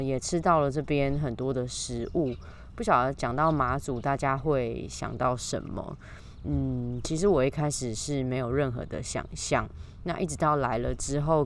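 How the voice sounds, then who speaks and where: Taiwanese Mandarin podcast host muffled by a face mask. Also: medium pitch. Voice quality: slightly muffled, talking through a face mask. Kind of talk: casual solo podcast talk. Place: outdoors in a park. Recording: outdoor recording with faint background noise. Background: faint natural ambient sound.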